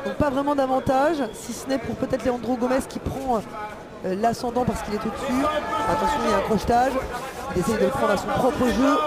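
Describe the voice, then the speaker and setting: A man's voice: very high voice, a little fast. A man giving live MMA commentary on the fighters and the action. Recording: loud music and crowd behind. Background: music and crowd.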